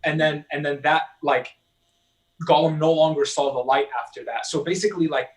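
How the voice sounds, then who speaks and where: A man in a casual film discussion, talking in a halting way with many fillers and restarts. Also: a little high, fairly even intonation, low-quality recording. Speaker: podcast panelist.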